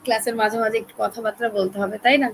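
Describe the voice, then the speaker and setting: A woman with a Bangladeshi accent teaching an online class, chatty and coaxing, keeping her voice soft to spare her throat. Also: fairly high pitch, fairly even intonation, fast talker, gravelly, slight background noise, rough recording. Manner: chatty, coaxing, talks straight to learners.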